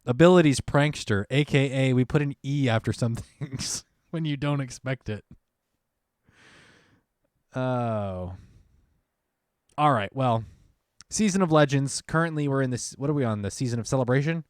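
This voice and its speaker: A young man co-hosts a gaming podcast in a loose, chatty way, reading announcements aloud and adding wry side comments. His voice is mid-pitched and recorded close with no room sound. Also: moderate pace, pauses often, smooth, no echo. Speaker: podcast co-host. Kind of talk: casual chat.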